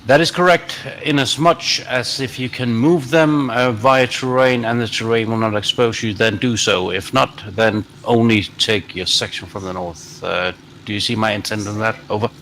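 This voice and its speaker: A man commanding a team in a military simulation game, giving deliberate, halting tactical orders in formal radio procedure. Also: on the low side, a bit bright, slight background noise, rough recording.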